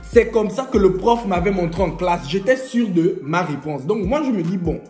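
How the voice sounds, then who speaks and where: Young male vlogger, high voice, playful storyteller, echoey room, faint music underneath. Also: moderate pace. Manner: lively, joking storyteller who laughs often. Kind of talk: storytime vlog.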